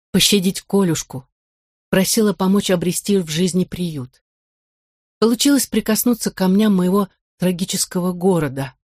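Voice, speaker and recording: A woman narrating a memoir audiobook in a measured, expressive reading. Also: on the low side, dry recording, studio quality.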